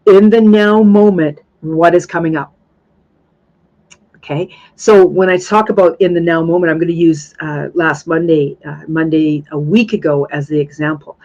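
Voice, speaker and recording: A woman's voice: low voice, fairly even intonation, normal speed, a little mellow, lo-fi sound. A woman in her thirties hosting a live spiritual question-and-answer session, talking earnestly and effusively and repeating phrases for emphasis. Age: 30s. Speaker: spiritual Q&A host.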